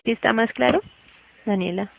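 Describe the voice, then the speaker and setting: A woman teaches a class, explaining each step patiently and pausing often to check that her student follows. Her voice has a gravelly, fry-tinged edge. The recording sounds dull and lo-fi. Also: fairly high pitch. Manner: patient, keeps checking understanding. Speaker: English teacher.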